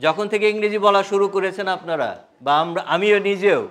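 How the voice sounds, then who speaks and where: A man with a high voice leads a live training session. He is animated and fires questions at the room, slipping between Bengali and English as he teaches. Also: fairly quick. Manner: animated, quizzes the audience, mixes English into Bengali. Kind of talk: live classroom workshop.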